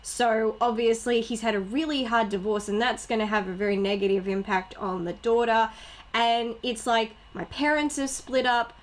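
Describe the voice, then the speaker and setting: A young woman co-hosting a casual film podcast, animated, laughing often and acting out lines. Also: on the high side, normal speed. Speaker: podcast co-host. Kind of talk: casual movie chat.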